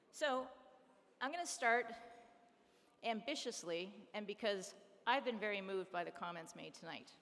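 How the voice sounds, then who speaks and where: A woman hosting a fundraising dinner, briskly calling auction bids and coaxing donations in an upbeat, persuasive way. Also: medium pitch, a bit bright. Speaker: charity auctioneer and fundraiser host. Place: large hall at an awards dinner. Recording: long reverb hall, faint room noise.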